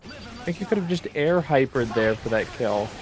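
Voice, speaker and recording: A male co-commentator adds color to a live fighting game broadcast. His voice sits at an ordinary pitch, and he mostly chimes in with short quips and opinions. Faint music plays in the background. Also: expressive, normal speed. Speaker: esports co-commentator.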